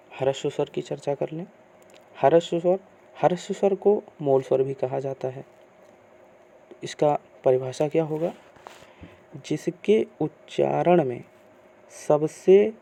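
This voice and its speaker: Man teaching a grammar lesson, gravelly. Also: a little high, warm tone. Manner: asks questions then answers them; slow, repeated teacherly phrasing.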